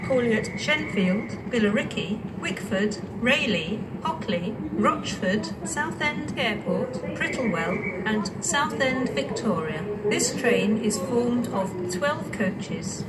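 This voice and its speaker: A British woman delivers a formal train station announcement over a distant loudspeaker, with loud train noise around her. Her voice is fairly high and slow, with each listed item set apart. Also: expressive. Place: railway station public address.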